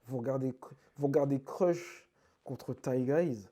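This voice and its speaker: A man being interviewed about dance, talking in an animated, emphatic, slangy way. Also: mid-range voice, measured pace. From France. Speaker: interview guest, krump dancer. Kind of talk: casual conversational interview.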